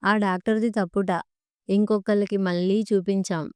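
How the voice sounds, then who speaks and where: A stern, scheming older mother-in-law gives blunt orders, as a woman reads her lines in a storybook. The voice is very smooth and clear. It is recorded close up and dry. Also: mid-range voice, fairly even intonation, normal speed, dry recording, close to an everyday voice. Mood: commanding.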